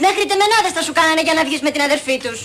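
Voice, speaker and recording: A woman's voice: very high voice, animated, a bit bright, a little hiss or hum. An actress playing a coy, sassy young woman in a film comedy. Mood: mocking. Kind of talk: 1980s film comedy acting.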